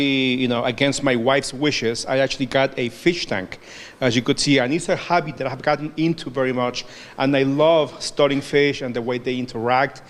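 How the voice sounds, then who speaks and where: A man in his forties, from Mexico, teaching a biology class and sharing his background in a friendly, personal way. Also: medium pitch. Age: 40s. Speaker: biology lecturer. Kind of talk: classroom lecture with interpreter. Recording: echoey hall with faint ambience.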